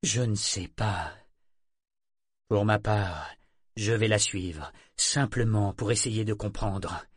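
A man voicing an ancient male sea serpent, troubled and bitter, speaking slowly and weightily in a storybook reading. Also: lowish voice, breathy edge, no room sound, clean studio sound.

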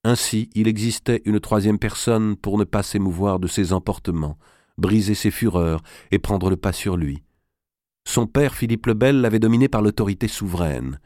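A man's voice: fairly low pitch, moderate pace, dark tone, no echo, clean studio sound. Man narrating a dramatic audiobook. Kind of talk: audiobook narration of a historical novel.

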